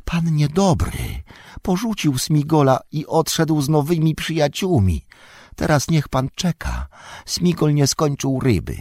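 A man reading an audiobook, voicing a wretched, sly male creature in a high, hissing whisper, drawn out and muttering to himself. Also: sing-song, unhurried, darkish tone, no room sound, studio quality, exaggerated voice. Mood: sulky. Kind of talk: audiobook character voice.

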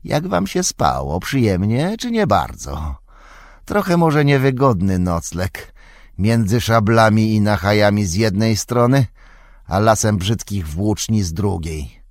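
A man's voice: on the low side, big pitch swings, no room sound, clean studio sound. A man doing a hissing, sly orc. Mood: mocking. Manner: soft hissing menace, slow and wheedling. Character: sly menacing male orc, hissing whisperer.

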